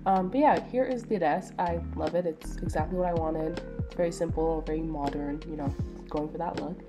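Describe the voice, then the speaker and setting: A woman's voice: low voice, normal speed. Stuffy-nosed young woman chatting over music. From Florida, USA. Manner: chatty, filler-heavy, self-mocking. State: stuffy nose. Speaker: lifestyle vlogger. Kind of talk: casual voice-over narration. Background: loud background music.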